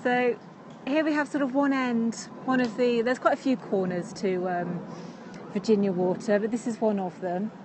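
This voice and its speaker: Fairly high and steady, this English woman's voice moves at a moderate pace over background noise. She chats casually while walking by a busy lake outside, streaming live from her phone, dropping in frequent fillers and laughter.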